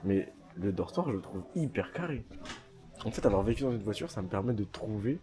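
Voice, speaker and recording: A man's voice: fairly low pitch, lively intonation, a little fast, crowd noise. A young man casually vlogging on a trip, chatting with enthusiastic slang. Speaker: travel vlogger. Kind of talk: casual vlog talk to camera. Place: homestay on a mountain travel loop.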